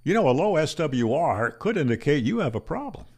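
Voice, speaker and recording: In a small room, an older Florida ham radio educator talks into a boom-arm studio microphone, debunking antenna myths on camera in a no-nonsense way and quizzing himself rhetorically. He's very animated and fairly quick, with a slightly mellow, breathy edge to his voice.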